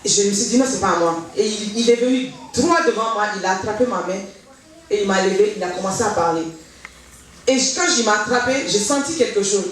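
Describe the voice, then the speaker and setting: A woman's voice: mid-range voice, fairly quick. A woman giving a personal church testimony, telling her story with animation and acting out the dialogue she remembers. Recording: very echoey hall, voice from far off, faint noise.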